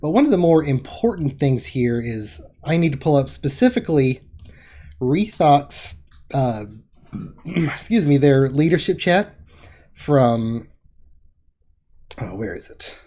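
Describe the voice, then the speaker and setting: A woman's voice: extremely low pitch, very animated, slow, long pauses, dark tone. A woman hosting a casual livestream, reading chat with wry remarks and casual swearing. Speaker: host.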